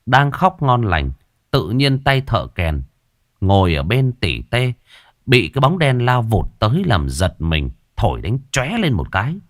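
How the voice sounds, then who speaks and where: A man's voice: medium pitch, very animated, unhurried, dry recording. A man, narrating a ghost story in a crude, colloquial way.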